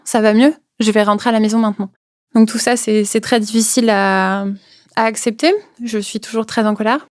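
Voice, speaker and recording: A young woman gives a personal testimony about something she went through, speaking hesitantly with lots of fillers and repeated words, sometimes sinking almost to a whisper. Her voice is on the high side and a little mellow, recorded in studio quality with no echo.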